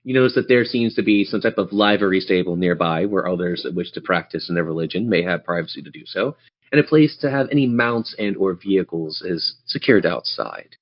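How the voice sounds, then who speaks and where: Speaking fairly quickly in a low voice, this man acts as game master for a tabletop RPG and describes each scene with theatrical storytelling flair. The recording is dull and lo-fi.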